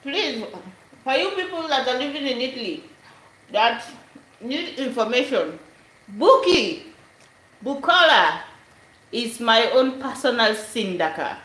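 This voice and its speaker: Slow, chatty woman cooking in an echoey kitchen. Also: fairly high pitch, very animated, fairly bright tone. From Sierra Leone. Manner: chatty, laughs often, mixes in Italian phrases. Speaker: cooking vlogger. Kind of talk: casual live cook-along chat. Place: home kitchen. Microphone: camera above the stove.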